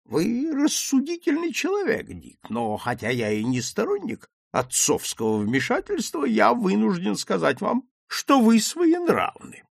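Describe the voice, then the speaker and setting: A man voicing a blustering older admiral who lectures a young man with high, emphatic lines. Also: huge pitch swings, measured pace, vocal fry, hardly any pauses, no room sound, studio quality, full character voice. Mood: lecturing.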